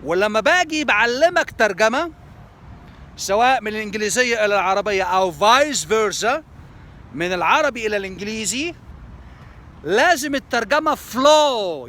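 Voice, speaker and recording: A man's voice: high voice, pushed and bright. An Egyptian man with an Egyptian Arabic accent teaching language skills, explaining terms and repeating them in Arabic and English. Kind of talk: lesson promo, switching between Arabic and English.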